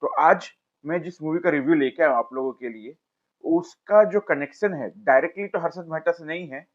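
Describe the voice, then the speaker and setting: A man's voice: a little high, fairly quick. Chatty male film reviewer, lo-fi sound. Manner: chatty, addresses viewers directly, pleads to subscribe. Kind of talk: casual video review narration.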